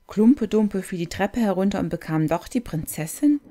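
Woman, storybook reader, gentle and unhurried, calm contemplative read-aloud. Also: mid-range voice. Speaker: reader of a fairy tale.

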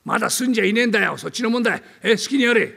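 An older man from Tokyo with a downtown Tokyo accent, playing a brash, bullying male tenant in a comic storytelling act, gruff and teasing. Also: high-pitched, racing, sharp tone, big-room sound, exaggerated voice. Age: 70s. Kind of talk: rakugo storytelling.

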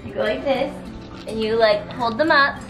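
A woman's voice: a little high, moderate pace, poor audio. A young woman in a casual family vlog at home, explaining things to her kids and laughing easily. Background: background music.

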